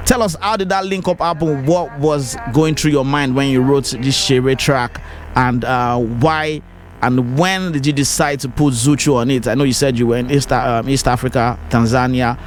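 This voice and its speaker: A man's voice: mid-range voice, fairly even intonation, normal speed. A man with a Nigerian Yoruba accent interviewing a guest as host, talkative and emphatic, repeating words for weight. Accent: Nigerian Yoruba-influenced. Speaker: interviewer, music show host. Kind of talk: conversational music interview. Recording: music playing behind the voice.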